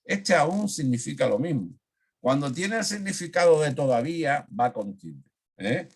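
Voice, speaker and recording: A man's voice: fairly high pitch, expressive, moderate pace, breathy edge. Guy teaching spelling rules over a video call, lots of eh's, keeps checking students follow. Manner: frequent "eh" fillers, checks in with "¿eh?". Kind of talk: online grammar lesson.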